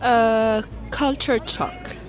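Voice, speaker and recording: A man from Egypt with an Egyptian accent, answering street interview questions in English, relaxed and halting with fillers. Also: very high voice, faint music behind. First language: Arabic. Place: busy city street outdoors.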